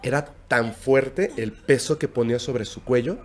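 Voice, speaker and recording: Un hombre con acento mexicano narra con calma una historia de terror en una charla informal, con pausas y tono bajo. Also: male voice, mid-range voice, slight background noise. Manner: recounting a scary story, hushed and halting. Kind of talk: casual storytelling.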